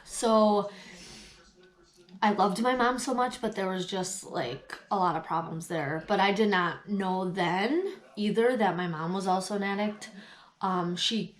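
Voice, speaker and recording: A woman with a stuffy nose from a cold, telling her personal story candidly and pausing often as she remembers. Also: mid-range voice. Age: adult past late twenties. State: has a cold.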